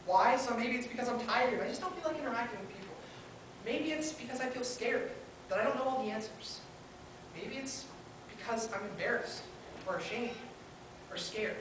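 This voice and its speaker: A woman's voice: fairly high pitch, normal speed. Woman preaching at a pulpit microphone, echoey hall. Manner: earnest, builds points in short listed phrases. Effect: spoken into a pulpit microphone. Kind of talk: sermon. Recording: very echoey hall, heard from far off, faint hiss.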